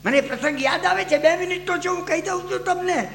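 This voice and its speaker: A man giving a sermon full of stories, animated and putting rhetorical questions to his listeners. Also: extremely high pitch, fairly quick, vocal fry. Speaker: Jain preacher. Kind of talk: sermon with storytelling. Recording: echoey hall, faint noise.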